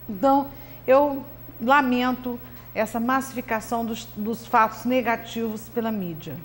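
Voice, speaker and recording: A woman co-hosting a local TV talk show, giving earnest, reflective opinions in a measured way. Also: fairly high pitch, a little hiss or hum. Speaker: TV talk show co-host, commentator. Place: local TV studio.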